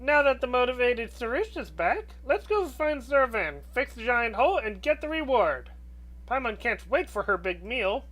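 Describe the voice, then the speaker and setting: A woman's voice: on the high side, big pitch swings, moderate pace, fairly bright tone, low-quality recording. A woman voicing a small, eager fairy companion from a video game, chirpy, bouncy and childlike. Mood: excited.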